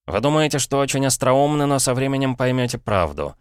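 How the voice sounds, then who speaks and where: A male reader voices a desperate elderly man trapped in a schoolboy's body. He talks high, strained and insistent, as if nobody will believe him. The audiobook recording is smooth and dry. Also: big pitch swings, a little fast, no room sound, lightly acted. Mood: bitter. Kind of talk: audiobook character reading.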